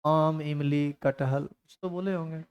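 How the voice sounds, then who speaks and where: A man's voice: on the high side, steady tone, a little slow, clean tone, muffled recording. A man teaching a chemistry class, teasing and scolding his students. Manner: scolding, teasing students in a rustic Hindi dialect. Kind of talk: classroom lecture.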